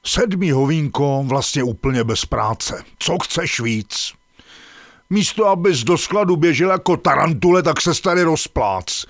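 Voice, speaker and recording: A woman's voice: sits low, animated, dry recording, clean studio sound. A woman voicing a bossy, nagging female dung beetle in a cartoon who scolds sharply. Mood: scolding.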